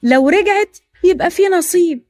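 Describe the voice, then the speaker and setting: Brief: excited young Egyptian woman in a radio play, high and rapid, dry booth. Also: no echo. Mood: eager. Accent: Egyptian Arabic. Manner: eager, persuasive. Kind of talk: radio drama acting.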